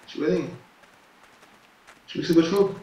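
A man's voice: on the high side, moderate pace, darkish tone, a little hiss or hum. A young man giving chatty let's-play commentary, mixing in English words from the game. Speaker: gaming YouTuber. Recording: roomy distant mic with game music.

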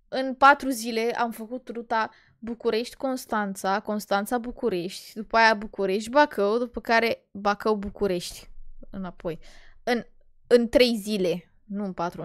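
A young woman from Romania streaming, ranting casually and sarcastically with dramatic swings between muttering and loud outbursts. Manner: exasperated, sarcastic, dramatic swings in loudness and pitch. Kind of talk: casual rant.

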